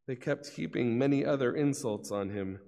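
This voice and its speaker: A man's voice: mid-range voice, normal speed, creaky, warm tone. Middle-aged man reading scripture, long church reverb. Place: large church, at lectern. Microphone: lectern gooseneck microphone.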